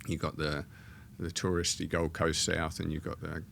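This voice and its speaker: Deep gravelly guy with a mixed english-aussie accent, rambling a bit as a guest, faint hiss behind. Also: flat delivery, moderate pace, fairly bright tone. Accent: mix of English and Australian. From born in Australia, raised in England. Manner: hesitant, meandering storytelling. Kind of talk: casual interview chat.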